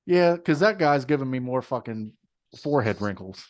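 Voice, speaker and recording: A man's voice: mid-range voice, animated, normal speed. A man co-hosting a podcast with a slight Texas twang, talking bluntly and profanely in casual chat. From moved to Texas. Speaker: podcast co-host.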